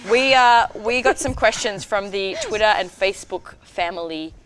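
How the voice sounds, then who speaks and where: A woman's voice: medium pitch, normal speed, a crowd in the background. Giggly young woman hosting a show. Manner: giggly, hesitant, full of fillers. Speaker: host. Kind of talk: live student TV hosting.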